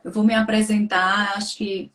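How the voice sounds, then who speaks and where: A woman's voice: mid-range voice, little pitch movement, moderate pace, fairly bright tone, slight background noise. A woman psychiatrist hosting a live stream conversation, talking in a chatty way and often checking in with tag questions. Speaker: psychiatrist, host. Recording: roomy echo.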